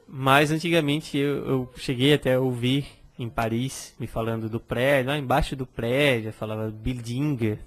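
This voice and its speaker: Homem professor de francês explicando. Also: male voice, medium pitch. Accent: Brazilian Portuguese. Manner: friendly, explanatory, frequent tag questions. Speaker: French teacher. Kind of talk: casual video lesson.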